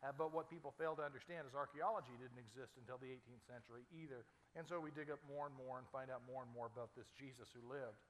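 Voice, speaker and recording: A man's voice: medium pitch, fairly even intonation, quick pace, few pauses, a bit bright, long reverb tail, a little hiss or hum. Folksy conversational pastor, man. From Arizona. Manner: conversational, folksy asides and light jokes. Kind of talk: sermon. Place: church.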